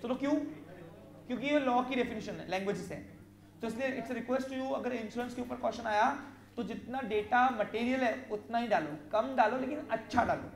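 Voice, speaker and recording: A commerce teacher lecturing a class, asking questions and answering them, and slowly dictating definitions. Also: medium pitch, gravelly, roomy sound. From Maharashtra, India. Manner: quizzes students, answers own questions.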